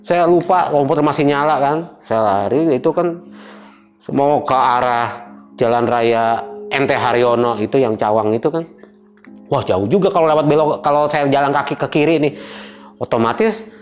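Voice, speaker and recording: A young man, casually telling a personal ghost story as a guest, in an animated, dramatic way full of fillers. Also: mid-range voice, normal speed, faint music behind.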